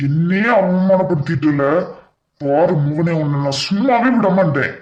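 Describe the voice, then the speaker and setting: A man's voice: a little high, expressive, darkish tone, lo-fi sound, lightly acted. A man doing a sneering rival businessman. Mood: leering. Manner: sneering, slow. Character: arrogant male rival businessman, threatening.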